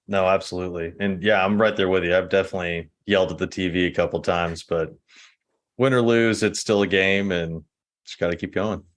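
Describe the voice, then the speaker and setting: A man from Texas, a podcast guest, speaking in a relaxed, reflective way and laughing easily. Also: low voice, brisk. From Texas, United States. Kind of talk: casual conversational interview.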